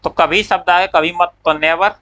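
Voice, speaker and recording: A man's voice: high voice, steady tone, moderate pace, sharp tone, poor audio. A man teaching English grammar in a classroom lecture. He asks questions, answers them himself, and draws out the English words as he dictates them.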